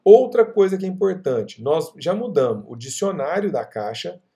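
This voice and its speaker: A man, teaching a screen-recorded software tutorial in a chatty way and checking in often with the viewer. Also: high-pitched, big pitch swings, normal speed, gravelly. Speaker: software instructor.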